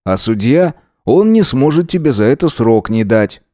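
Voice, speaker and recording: A man's voice: medium pitch, big pitch swings, normal speed, mellow, dry recording, natural voice. A man playing a stern, dry police lieutenant. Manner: curt and dry.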